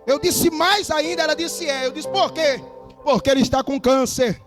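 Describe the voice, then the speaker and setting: Brazilian pastor guy preaching, very high voice, yells a lot, faint music under it. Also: moderate pace. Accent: Brazilian Portuguese. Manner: dramatic storytelling, bursts into shouting. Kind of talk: Pentecostal sermon.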